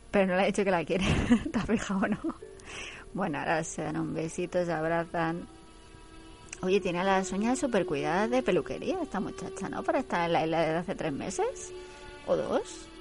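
Chatty woman from narrating TV. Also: fairly low pitch. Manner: chatty, teasing, laughs often. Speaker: TV episode commentator. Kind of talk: casual commentary over a TV episode.

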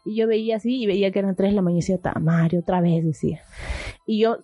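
A woman's voice: medium pitch, rapid-fire, warm tone, no room sound, muffled recording. A young woman telling a personal story in a casual chat, rambling with many fillers and restarts.

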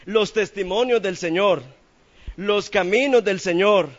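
A man's voice: sits high, measured pace, muffled recording. A man preaching a sermon in church, asking the congregation questions in a playful, colloquial way.

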